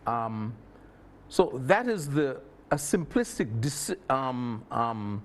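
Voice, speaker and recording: A man's voice: medium pitch, big pitch swings, slow pace. A man from Saint Kitts, explaining things emphatically as an expert guest in a panel discussion.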